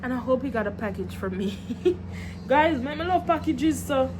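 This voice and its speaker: A young woman vlogging at home, telling her story in an animated way with sighs and laughs, and sounding tired. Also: high-pitched, brisk, noisy background. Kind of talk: casual venting vlog.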